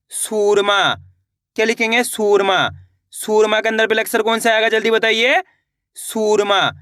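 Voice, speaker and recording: A man teaching spelling step by step, asking the viewer questions and repeating each word slowly the syllables drawn out. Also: high-pitched, sharp tone, clean tone, no echo, studio quality. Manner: slow, repetitive, quizzing the viewer. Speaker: Hindi reading teacher.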